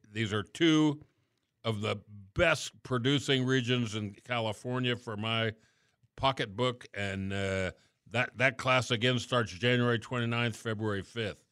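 Chatty radio host, bright dry voice. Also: male voice, medium pitch, clear, resonant tone, no echo. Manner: chatty, relaxed, trailing off at phrase ends. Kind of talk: casual radio talk and interview.

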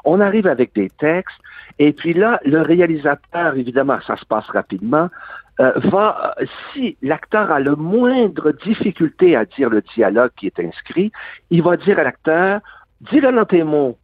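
A man's voice: fairly high pitch, very animated, moderate pace, no echo. An older man with a Québécois accent, a guest actor explaining at length, emphatic and long-winded in a radio interview. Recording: dry phone-like radio sound.

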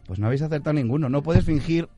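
A man hosting a playful quiz segment, teasing the players and pausing for effect before the answers. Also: on the high side, mellow, husky. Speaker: quiz host.

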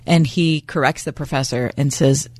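A man's voice: a little high, steady tone, normal speed, a little mellow, no room sound. A man co-hosting a radio show, chatting casually and telling anecdotes.

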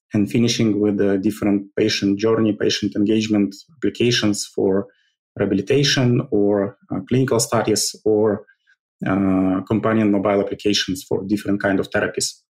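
A man answering podcast interview questions, pausing often with fillers and restarts. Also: on the low side, a little mellow. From Ukraine. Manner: halting, many fillers and restarts. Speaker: program director.

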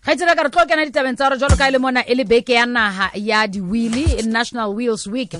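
A woman's voice: a little high, fast, fairly bright tone. A woman with a Sotho accent hosting a radio interview, speaking into a close studio microphone. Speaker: radio breakfast show host.

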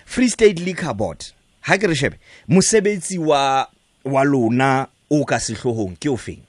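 A man's voice: medium pitch, expressive, normal speed, no echo, clean studio sound. A man with a South African Sotho accent, hosting a radio interview programme. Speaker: radio talk show host.

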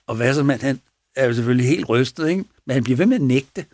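A man casually retelling a true crime story, animated and chuckling as he goes, often checking in with his listener. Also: mid-range voice, dry recording. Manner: chuckling, animated, asks for agreement.

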